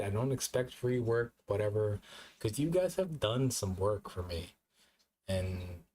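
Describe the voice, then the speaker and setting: A man's voice: mid-range voice, darkish tone. A drunk man streaming live, rambling and repeating himself as he chats casually with his viewers.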